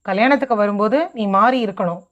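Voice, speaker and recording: Woman reading a blunt young man, frank best friend, voice pitched lower, dull lo-fi sound. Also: fairly quick, lightly acted. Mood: earnest. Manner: frank, pleading, brotherly. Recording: dull lo-fi recording.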